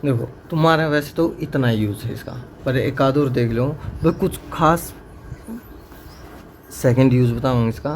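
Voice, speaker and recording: A man teaches grammar to a classroom at a mid pitch, firing the same questions again and again to drill his students. A faint hum of room noise sits behind his voice. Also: a little slow.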